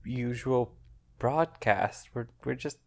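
A man's voice: medium pitch, slow pace, vocal fry, a little mellow, no echo. A man co-hosting a podcast, teasing and dry. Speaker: podcast co-host.

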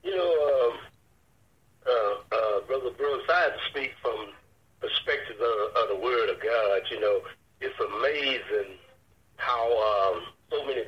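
An older man with an Arkansas accent, a church elder speaking as an interview guest in a folksy, halting way. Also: medium pitch. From Arkansas, United States. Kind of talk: casual interview talk on faith. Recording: dull lo-fi radio or phone line.

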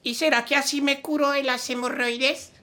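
A man voicing a timid, high-voiced male patient and suitor in a meek falsetto, for a stand-up joke. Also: fairly even intonation, moderate pace, sharp tone. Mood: puzzled.

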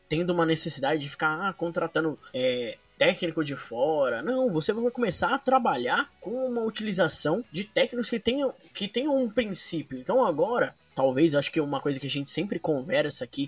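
A Brazilian man hosts a sports podcast in an informal, slangy way. His voice is high and husky with lively intonation, heard a little away from the mic in a dry space. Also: no room sound, recorded from a distance. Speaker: football podcast host. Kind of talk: casual sports chat.

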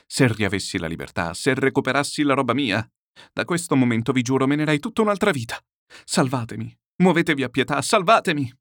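A man's voice: mid-range voice, expressive, fairly quick, a bit bright, no room sound, clean studio sound. A man voicing a desperate, ruined middle-aged swindler who pleads and laments in a frantic, self-pitying way. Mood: frantic pleading.

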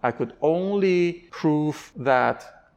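A man's voice: on the high side, expressive, drawn-out words, a little mellow, clear, resonant tone, dull audio. A man from Iran, giving candid interview answers in an earnest, searching way, often restarting his sentences.

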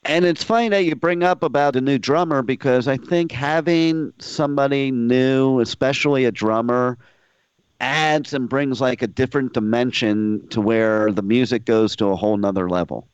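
Male radio host, casual interview, smooth clear voice, slightly dull audio. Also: medium pitch, moderate pace, no room sound.

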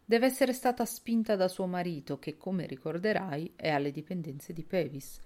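A woman's voice: lowish voice, moderate pace, darkish tone, natural voice. A woman voicing a cool, businesslike young woman.

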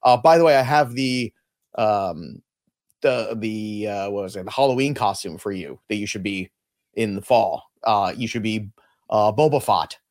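A man's voice: fairly low pitch, moderate pace, a little mellow. Man hosting a casual sports chat. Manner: conversational, analytical, joking. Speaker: fantasy baseball podcast host.

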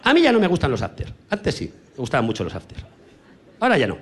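A man from Spain doing a crude stand-up comedy monologue on stage, with brash punchlines and sudden shouted sound effects. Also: fairly high pitch, wildly swooping pitch, fast.

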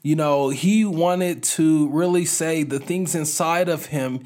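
A man's voice: fairly high pitch, slow pace, a little mellow. A man telling a personal faith story in an earnest, conversational way, often repeating himself and restarting phrases. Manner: earnest, repeats words and restarts, addresses listeners as guys. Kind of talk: testimony talk.

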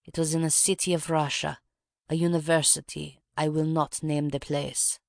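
In an audiobook reading, a reader voices a proud, grave Russian woman revolutionary making a dignified confession. The delivery is flat and natural at a moderate pace and middle pitch, with vocal fry, recorded dry and close with no room sound.

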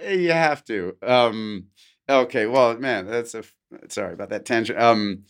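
A man hosting a podcast interview, talking in a halting, playful way. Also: medium pitch, clean tone. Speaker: podcast host.

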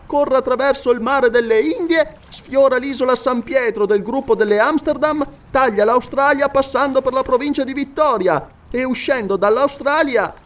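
A man voicing a shrill, excitable old scholar. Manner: shrill, eager, breathless exclamations. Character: excitable absent-minded male scholar, high-pitched.

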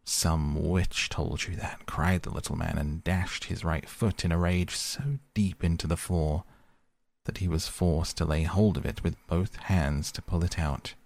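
A man gently reading fairy tales aloud as a calm bedtime story. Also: sits low, measured pace, creaky.

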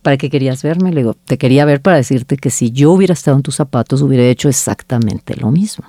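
A woman's voice: very deep voice, fast, warm tone, dry recording. A middle-aged woman, an agency founder recounting her story as an interview guest, quoting herself and others in dialogue.

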